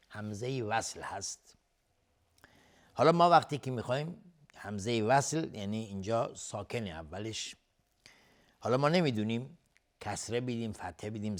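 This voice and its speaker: A man teaching Quran recitation rules, explaining each point plainly and stopping now and then to chant words slowly and louder. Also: mid-range voice. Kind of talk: tajweed lesson with chanted recitation.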